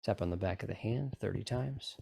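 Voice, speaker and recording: A man with a low, noticeably creaky voice and a warm tone leads a group through tapping and relaxation at a slightly fast pace. He coaxes them along with repetitive step-by-step instructions and brief check-in questions, and the dry sound carries no room echo.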